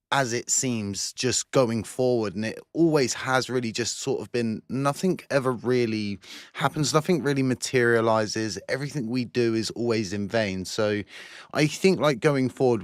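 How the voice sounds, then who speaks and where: A man hosting a crypto channel, talking casually to camera with a croaky, short-winded voice while recovering from surgery. He rambles, repeats himself and fills gaps, speaking from a studio booth. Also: mid-range voice, no room sound. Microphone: new microphone.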